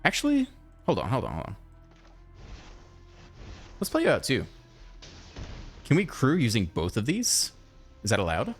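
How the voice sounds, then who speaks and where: A man giving casual, chatty commentary over his own card game, thinking aloud and breaking into excited outbursts. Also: medium pitch, normal speed, long pauses, faint music behind. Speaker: gaming channel host.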